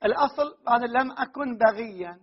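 High-pitched husky male teacher. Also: brisk. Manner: repeats key terms and asks the class rhetorical questions. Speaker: grammar teacher. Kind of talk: classroom lecture. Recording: dull lo-fi recording.

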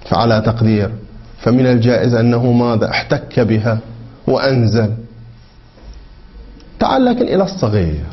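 Man teaching by asking and answering his own questions. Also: medium pitch. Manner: asks leading questions and answers them; reads quoted text slowly and deliberately. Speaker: religious jurisprudence teacher. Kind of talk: seminary lecture explaining a legal text. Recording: dull lo-fi lecture recording.

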